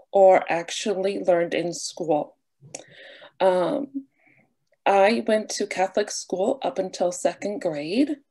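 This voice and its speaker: A nun in her thirties who serves as a vocations director speaks unhurriedly over a webcam video call, with many fillers and soft laughs. Born in Argentina with Spanish as her first language, she was raised near New Orleans and has a medium-pitched voice. Her casual talk opens with a prayer, and she's indoors in a small bedroom with a wooden armoire.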